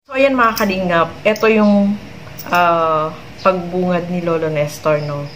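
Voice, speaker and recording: A woman's voice: lowish voice, a little slow, fairly bright tone, slight background noise, low-quality recording. A woman hosting a vlog, giving chatty commentary to her viewers and ending many remarks with tag questions. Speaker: vlog host commenting on a clip.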